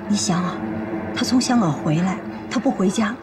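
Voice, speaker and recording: An actress playing a worried wife who pleads anxiously with a friend for help. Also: female voice, medium pitch, lively intonation, moderate pace, lightly acted. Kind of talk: TV drama acting. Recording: clear background noise.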